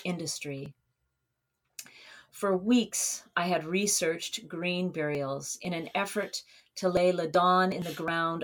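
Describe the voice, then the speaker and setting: A woman reading a personal memoir aloud in a measured, earnest way, her phrases trailing off softly at the ends. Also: on the low side. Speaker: narrator.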